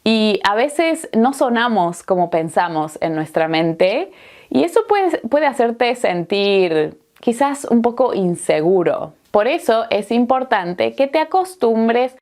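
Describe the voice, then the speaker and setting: A woman's voice: a little high, big pitch swings, takes it slowly, darkish tone. A woman from Argentina with an Argentine accent, giving a friendly, encouraging Spanish lesson with a chatty manner and frequent fillers. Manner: chatty, encouraging, laughs easily, many "eh" fillers. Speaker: Spanish teacher.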